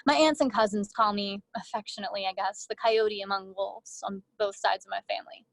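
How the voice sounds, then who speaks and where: A woman reading her own first-person fiction aloud in a measured way, with brief casual asides to the audience. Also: medium pitch, no echo. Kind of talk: literary reading.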